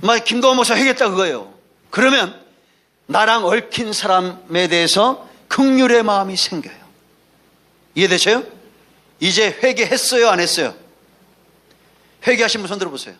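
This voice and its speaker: A man's voice: high voice, lively intonation, moderate pace, pauses often, bright, forceful tone. A man preaching a Sunday sermon as pastor, emphatic and folksy, calling for responses from the congregation between anecdotes. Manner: folksy, mixes asides and anecdotes.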